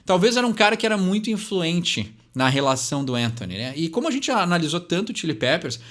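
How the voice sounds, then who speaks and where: A man's voice: high-pitched, very animated, fairly bright tone. A young man from Brazil with a Brazilian Portuguese accent, casually breaking down song lyrics as a channel host, tagging "né?" onto his sentences. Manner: chatty, fills pauses with "né?", reads English lines slowly.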